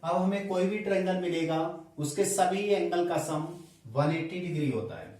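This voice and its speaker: A man teaching a maths class at the board, dictating each step slowly and spelling out angle letters, mixing in English terms. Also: high-pitched, darkish tone. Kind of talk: blackboard lesson, dictating steps slowly. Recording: echoey room, voice from a distant mic.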